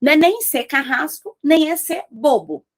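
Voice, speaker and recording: A woman with a high, animated voice speaks at a moderate pace. She mentors business owners in a motivational talk to entrepreneurs, speaking with emphasis and firing rhetorical questions at her listeners.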